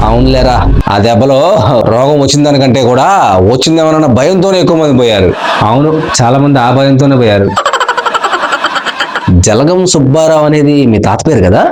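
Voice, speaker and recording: Fast, lively comic man bantering. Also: medium pitch, a little hiss or hum. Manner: teasing, quick punchline replies. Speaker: comedian. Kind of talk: comic question-and-answer banter.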